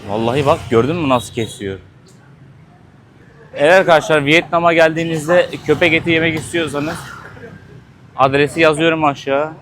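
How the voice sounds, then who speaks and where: A man's voice: a little high, moderate pace, pauses often, fairly bright tone. A man filming a travel vlog on a busy street, talking straight to his viewers with shocked exclamations and swearing. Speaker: travel vlogger. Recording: faint street noise behind.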